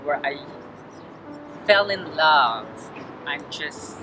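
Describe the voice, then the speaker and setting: A young woman from the Philippines, talking casually as an interview guest out on a city street. Her answers come slowly, full of pauses, fillers and restarts. Music plays clearly behind her throughout. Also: low-pitched, lively intonation, poor audio. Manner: hesitant, lots of fillers and restarts.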